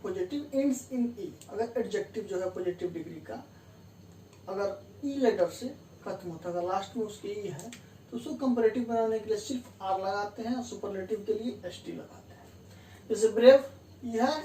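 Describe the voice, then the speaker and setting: Woman grammar teacher, patient step-by-step explainer, mellow tone, far from the mic in a roomy space. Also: medium pitch, normal speed. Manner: explains step by step, repeats key terms and says "theek hai" to check understanding. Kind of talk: classroom lesson explaining grammar rules. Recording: distant roomy mic with faint room hum.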